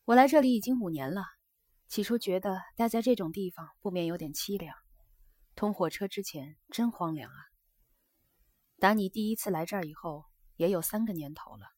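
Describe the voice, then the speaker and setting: A woman's voice: mid-range voice, expressive, moderate pace, a little mellow, no room sound, close to an everyday voice. A woman reading aloud voices a young geisha who talks earnestly and presses her lover for an answer, in a dry close recording. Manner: earnest, coaxing and insistent.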